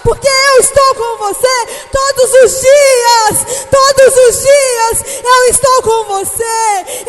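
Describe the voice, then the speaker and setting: A frantic father calls out to his frightened little boy, his voice breaking close to tears, as a woman preacher acts him out. The voice rides very high and pushes to a shout. A long hall reverb trails every word. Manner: shouting, pleading, near tears. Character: desperate loving father rescuing his small son.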